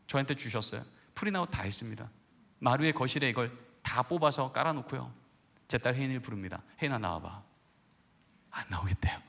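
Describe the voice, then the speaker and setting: A middle-aged man preaching a sermon, telling a hushed personal story that builds into fervent exhortation. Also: mid-range voice. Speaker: guest preacher, professor. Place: large church sanctuary. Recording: church hall reverb.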